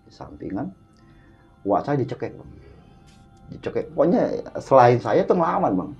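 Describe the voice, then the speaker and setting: A guest casually tells a host a vivid, dramatic personal story, repeatedly calling him "Bang." His mid-range voice is very animated, somewhat mellow and at normal speed. The recording sounds dull and lo-fi, with faint music behind it.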